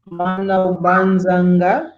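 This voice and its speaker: Very slow, halting high-voiced man. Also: monotone, dull audio, soft background music. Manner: halting, self-correcting. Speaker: student.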